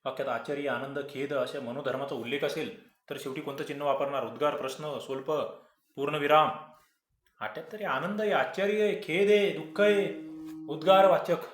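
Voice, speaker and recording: A man's voice: fairly high pitch, fairly even intonation, a little fast, roomy sound, soft background music. A man, teaching grammar and explaining quiz answers, asking the class rhetorical questions. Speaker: exam-prep grammar teacher.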